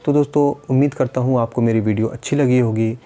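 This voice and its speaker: A man's voice: mid-range voice, steady tone, quick pace, dark tone. A man teaching a speech-therapy lesson, patiently demonstrating and repeating sounds step by step.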